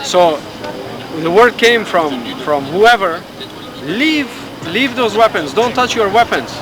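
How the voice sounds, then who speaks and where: A middle-aged man from Afghanistan, interviewed outdoors, speaking haltingly with many restarts and fillers. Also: high-pitched, animated, poor audio. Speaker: hunger striker being interviewed. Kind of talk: street interview. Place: outdoors in a busy public area. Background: crowd noise.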